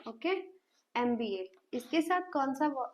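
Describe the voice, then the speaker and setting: High-voiced woman teaching slowly. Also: lively intonation, darkish tone. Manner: patient, asks questions and repeats sounds slowly. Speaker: English teacher. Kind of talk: classroom grammar lesson. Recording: dull lo-fi sound.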